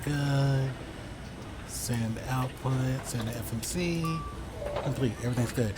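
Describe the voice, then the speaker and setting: A man's voice: mid-range voice, unhurried. Man muttering casual flight-sim commentary over noise. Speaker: flight simulator streamer. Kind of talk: casual gameplay commentary, thinking aloud through procedures. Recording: clear background vehicle-like noise.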